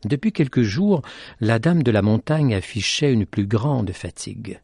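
A man hosting a radio program, reading a story aloud in a measured, dramatic way. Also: fairly low pitch, lively intonation, vocal fry, darkish tone, husky, no echo, clean studio sound. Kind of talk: scripted story narration.

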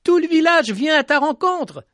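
A man voicing Petit Jean, a young boy who shouts eagerly and then sobs in grief. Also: very high-pitched, lively intonation, moderate pace, no room sound, clean studio sound, pitched above the performer's own voice. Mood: excited. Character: young boy hero, anxious then grieving.

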